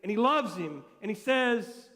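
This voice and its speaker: Preacher guy, real high voice, folksy and chatty, drops soft a lot, big echoey church sound. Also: expressive, unhurried. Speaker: pastor. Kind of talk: sermon. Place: church sanctuary. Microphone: live stream. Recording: long hall reverb.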